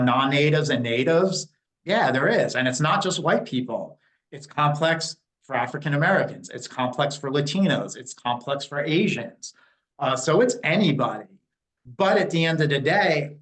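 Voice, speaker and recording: A man's voice: a little high, fairly bright tone, low-quality recording. A man in his fifties from New Jersey, giving blunt, opinionated answers in a candid interview, with frequent fillers. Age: 50s. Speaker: interview guest, Native community liaison.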